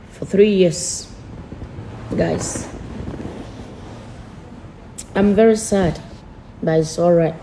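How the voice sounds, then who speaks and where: Woman, emotional vlog confession, slow unhurried delivery, mellow tone, faint room noise. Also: lowish voice, low-quality recording. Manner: slow, repetitive storytelling with simple phrasing; emotional, soft-spoken confiding. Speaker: vlogger. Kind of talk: emotional personal vlog talk.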